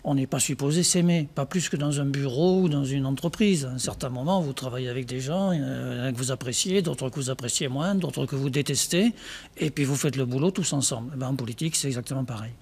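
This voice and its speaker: A man with a husky voice at an average pitch comments as a political scientist on a talk show. He explains matter-of-factly and sounds assured. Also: fairly quick, a little mellow.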